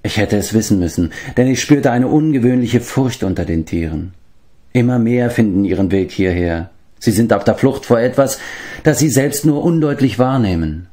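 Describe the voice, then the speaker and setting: A man voicing a wise, grave old man who watches over the animals, in a measured, stately storybook manner. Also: fairly low pitch, warm tone, natural voice.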